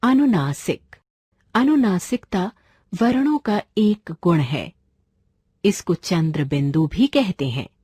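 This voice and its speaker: Slow, husky-voiced woman teaching Hindi grammar. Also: fairly low pitch, expressive, dark tone, dry recording, studio quality. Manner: slow, deliberate spelling out of letters and examples.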